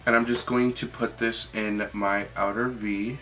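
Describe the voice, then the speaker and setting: A young man talks through a makeup tutorial in a casual, informal way. His voice sits a little low, and he peppers his talk with "like". Music plays clearly behind him. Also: little pitch movement, unhurried, low-quality recording. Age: young adult. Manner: chatty, informal, often says "like".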